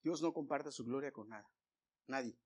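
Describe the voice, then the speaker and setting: A male pastor preaching a sermon, swinging from loud emphasis to hushed whispers and speaking straight to the congregation. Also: mid-range voice, moderate pace. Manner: addresses the congregation directly, asking for amens.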